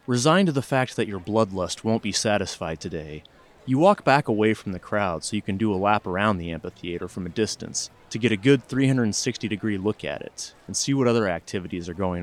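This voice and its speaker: A man narrating a scripted documentary story in a measured true crime narrator manner, speaking straight to the listener. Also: on the low side. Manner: measured, addresses listener directly in present tense. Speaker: podcast narrator.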